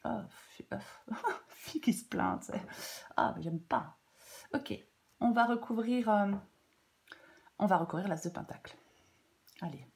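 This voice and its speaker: A woman with a cold-blocked nose gives casual, off-the-cuff tarot guidance in a halting, chatty way. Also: medium pitch, animated, a little mellow. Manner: halting, self-interrupting, chatty asides. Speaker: tarot reader.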